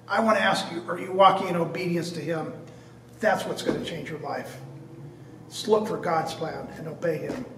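A man's voice: a little high, moderate pace, a bit bright, a little hiss or hum. An older man preaching a sermon at a church pulpit, earnest and repetitive, stressing each point. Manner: earnest preaching with repeated phrases and restarts. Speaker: pastor. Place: church sanctuary in front of a stained glass cross. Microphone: far camera at a pulpit. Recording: echoey church heard from a distance.

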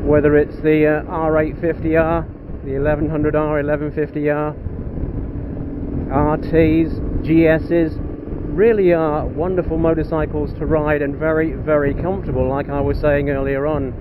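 A man casually reviewing his own motorcycle outdoors on country lanes, plain-spoken with frequent pauses. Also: on the high side, level tone, background noise. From England. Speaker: motorcycle vlogger.

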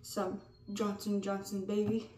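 A young woman chats slowly through a haul of baby gifts, slightly out of breath from pregnancy. Her voice sits back from the mic in an echoey room. Steady background noise runs underneath. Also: mid-range voice, distant mic. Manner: slow, unhurried show-and-tell of items. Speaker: vlogger. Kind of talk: casual haul vlog.

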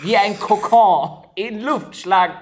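A man in his twenties bantering casually over loud music, trying not to laugh and giggling under his breath. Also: sits high, takes it slowly, very noisy. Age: 20s. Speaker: video host. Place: small indoor studio at a table.

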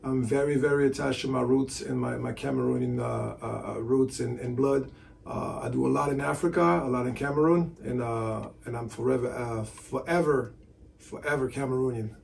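A man's voice: medium pitch, normal speed, gravelly, darkish tone, distant mic, slight background noise. A man in his forties, a sports agent, answering interview questions casually with lots of "you know" fillers, seated in a hotel room. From France. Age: 40s. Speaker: sports agent and basketball analyst.

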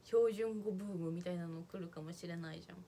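A woman's voice: on the low side, fast, mellow, slight background noise. A young woman chatting casually on a livestream, reading out viewer comments and thanking them as she goes. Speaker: idol livestreamer.

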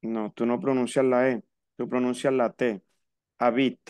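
A man's voice: medium pitch, level tone, normal speed, a little mellow, clear, resonant tone, no room sound. A man teaching an online French class in Spanish. He patiently repeats the rules and spells them out for his students.

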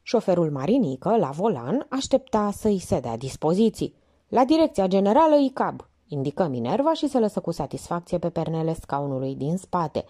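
A woman narrating an audiobook with an expressive, lively reading. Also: low-pitched, few pauses, no room sound, studio quality. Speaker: audiobook reader.

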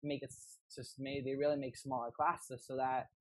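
A man's voice: medium pitch, little pitch movement, moderate pace, no echo, low-quality recording. A young man from New York, a spinning instructor, telling his story eagerly and rambling on a home video call. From New York, USA. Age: young adult. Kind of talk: casual video call interview.

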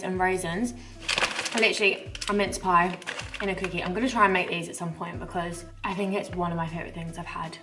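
A young woman in her twenties chatting casually to camera in a lifestyle vlog, gushing and quick with asides. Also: mid-range voice. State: hoarse, lost voice. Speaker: vlogger.

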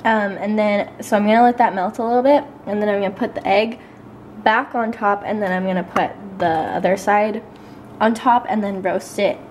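A woman's voice: medium pitch, fairly even intonation, moderate pace, darkish tone, a little hiss or hum. A young adult woman vlogger chatting casually into a handheld camera in a home kitchen. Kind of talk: casual vlog chat.

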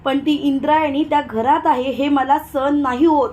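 A woman's voice: high voice, fairly even intonation, normal speed, a little mellow, lightly acted. A woman voicing a spiteful, easily angered young woman who schemes against a rival, in a retold serial story. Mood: bitter. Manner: bitter, defiant.

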